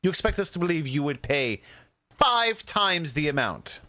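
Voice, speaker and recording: A man voicing an indignant, haughty noblewoman in a tabletop game, with shrill, incredulous outbursts. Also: sing-song, normal speed, pushed and bright.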